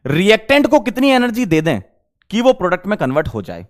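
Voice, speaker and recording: A male chemistry teacher lecturing a class, firing quick questions at the students. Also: high voice, huge pitch swings.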